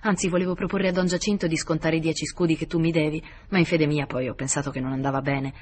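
A placid, sly old woman moneylender, as a male narrator reads her in an audiobook. She talks calmly and without hurry in a slightly raised voice. Faint hiss in the background. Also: a little high, close to an everyday voice. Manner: placid, unhurried.

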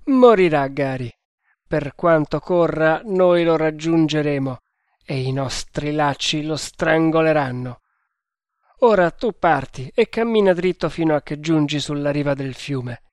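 A man's voice: on the high side, measured pace, no echo, clean studio sound, lightly acted. A man doing a fanatical cult sentinel. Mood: solemn menacing. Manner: loud, solemn, fanatical. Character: grim male cult sentinel, fanatical and menacing.

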